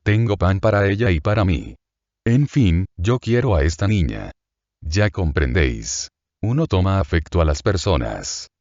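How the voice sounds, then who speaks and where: A man voicing a calculating middle-aged male innkeeper who feigns warm affection, in an audiobook reading. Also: low-pitched, expressive, measured pace, no room sound, lo-fi sound. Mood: falsely tender. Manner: falsely kind, sentimental, calculating.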